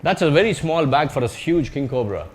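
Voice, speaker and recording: A man's voice: a little high, lively intonation, a little fast, darkish tone. A man with an Indian accent tells anecdotes in a conversational, joking way as a researcher giving a public slide talk, in short phrases with tag questions. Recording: live talk with background noise.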